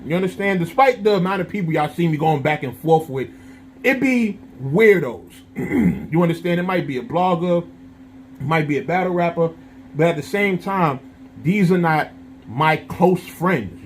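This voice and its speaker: A man's voice: fairly high pitch, expressive, moderate pace, a little hiss or hum. A man in his thirties talking casually to his viewers, checking in constantly with "you understand?" and using street slang. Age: 30s. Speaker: vlogger and channel host. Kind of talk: casual straight-to-camera monologue.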